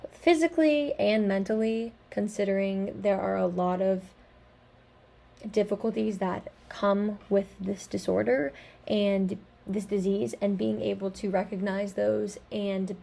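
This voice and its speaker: A woman's voice: medium pitch, creaky, mellow. A young woman giving a class presentation, talking casually with frequent ums and likes. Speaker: student presenter.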